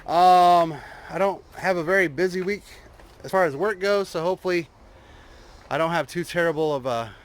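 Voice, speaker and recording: A man talking casually and unscripted to his vlog viewers, rambling and halting as he thinks, outdoors in a driveway. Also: sits high. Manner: rambling, halting, trailing off mid-thought. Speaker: vlogger showing a truck build.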